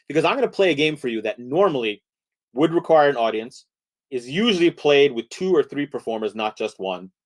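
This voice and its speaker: Man, middle-aged, solo improv comedian, playful, energetic, slightly high voice. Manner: energetic, playful, speeds up as the game goes. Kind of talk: solo virtual improv show.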